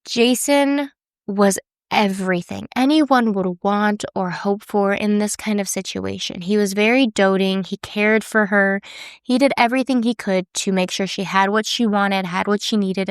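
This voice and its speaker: A woman's voice: mid-range voice, fairly even intonation, moderate pace, clean tone, dry recording, studio quality. A woman hosting a true crime podcast, talking casually with fillers and restarts, her voice congested from a cold. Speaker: podcast host.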